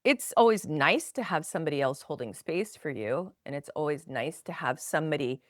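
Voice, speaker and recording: A woman guest on a podcast, speaking gently and reflectively in long flowing thoughts. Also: low voice, lively intonation, fairly quick, no room sound, clean studio sound. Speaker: guest, spinal energetics practitioner. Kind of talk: conversational podcast interview.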